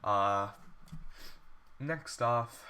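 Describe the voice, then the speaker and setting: Speaking extremely slowly, this young tech reviewer has a medium-pitched voice that is bright, forceful, clear, and resonant, though congested from a cold. He rambles through a casual look at computer mice, full of fillers and restarts, and the poor-quality recording has faint background noise.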